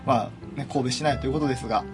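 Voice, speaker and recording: Brief: chatty radio host, rapid delivery, background music. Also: male voice, medium pitch, steady tone. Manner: chatty, leans on 'ne' fillers. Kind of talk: casual radio talk. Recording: music playing behind.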